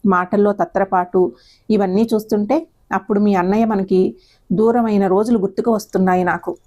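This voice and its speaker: A woman's voice: medium pitch, fairly even intonation, brisk, warm tone, lightly acted. Woman voicing a worried elderly grandmother. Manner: sad, fearful.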